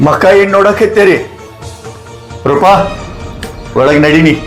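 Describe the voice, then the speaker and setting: A man's voice: high-pitched, measured pace, soft background music. A man playing a commanding village landlord. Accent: North Karnataka Kannada. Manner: commanding, scolding. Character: rich proud village landlord, later remorseful. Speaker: lead actor. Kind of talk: village skit acting.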